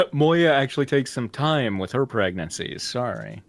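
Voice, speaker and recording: A man in casual chat, joking and rambling through asides. His pitch sits in a middle range. He talks at an unhurried pace. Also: sing-song, gravelly, no room sound. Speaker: co-host.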